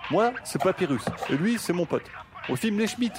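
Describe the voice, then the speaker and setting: An actor playing a cocky, slangy, teasing street rioter in a French audio drama. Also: male voice, high voice, animated, normal speed, background noise. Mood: easygoing.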